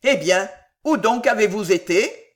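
A narrator voicing a welcoming country gentleman who asks after his guests in an audiobook. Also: medium pitch, lively intonation, a little slow, lightly acted. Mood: hearty. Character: hospitable hearty country gentleman.

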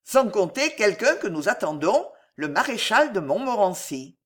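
A woman's voice: mid-range voice, very animated, measured pace. A woman voicing an ardent young nobleman who speaks earnestly, in an audiobook reading.

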